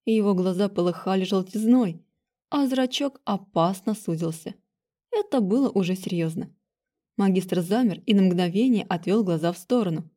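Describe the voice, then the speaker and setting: A woman reading a fantasy audiobook aloud with expressive narration. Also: mid-range voice, normal speed.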